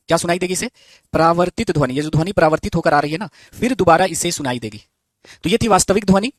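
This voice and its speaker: Male physics teacher, high voice, dry close sound; quizzes the class and answers himself, drills terms slowly. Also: no echo. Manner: asks the class questions and answers them himself; repeats key terms slowly. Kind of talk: live online physics lesson.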